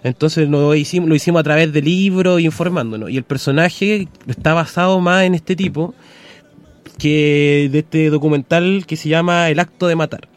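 Halting Chilean man retelling a film. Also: fairly high pitch. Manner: halting, many restarts while retelling a film. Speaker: radio show co-host. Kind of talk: casual radio chat.

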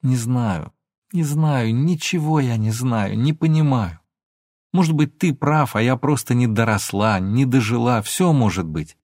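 A man reading an audiobook, voicing an emotional young woman who pleads and sometimes flares up into shouting. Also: mid-range voice, unhurried, dry recording, studio quality, close to an everyday voice. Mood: dejected. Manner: pleading, then flaring into shouts.

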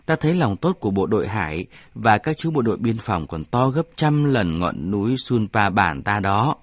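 A man voicing a stern old village elder who speaks slowly and scolds weightily. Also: fairly low pitch, big pitch swings, no echo. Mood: apologetic, earnest.

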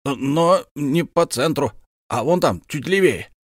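A man's voice: a little high, animated, no echo, pitched above the performer's own voice. A blustering, tipsy nobleman with a hot temper speaks in a raised, pushy voice, as a male narrator puts him on. The audiobook recording is dry and close, with no room sound. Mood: effusive. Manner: blustering, quick to anger.

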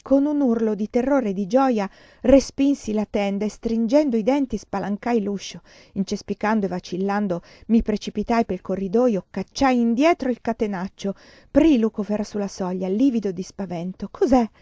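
A woman reads a first-person novel aloud with dramatic expression, her voice climbing in the tense passages. Her tone is mellow and dark, close and dry, and the recording is a little dull. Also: normal speed, no echo. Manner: dramatic, rising in pitch at tense moments. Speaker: reader of a novel. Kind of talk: expressive audiobook reading.

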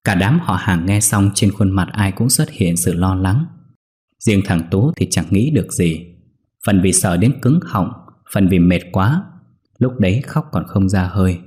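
A man reading a horror story in a steady, grave storytelling manner. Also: low-pitched, measured pace. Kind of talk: scripted horror story narration.

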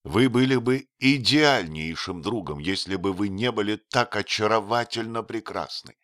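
A man's voice: fairly low pitch, moderate pace, a bit bright, no room sound, clean studio sound, close to an everyday voice. A man voicing a young prince who pleads with passion. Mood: tender. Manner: impassioned, imploring.

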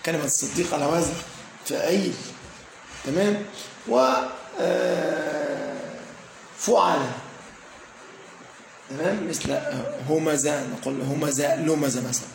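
Gravelly man teaching grammar. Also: on the high side. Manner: frequent "aah" fillers and checking "tamam?"; slowly stresses word patterns, listing examples. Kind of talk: explanatory grammar lesson. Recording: echoey room with faint ambient noise.

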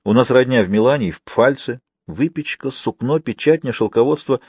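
A man's voice: medium pitch, fairly quick, a little mellow, slightly rough, dry recording, natural voice. A man voicing a weary merchant's wife who longs to settle down, asking brooding questions, in an audiobook. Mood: restless.

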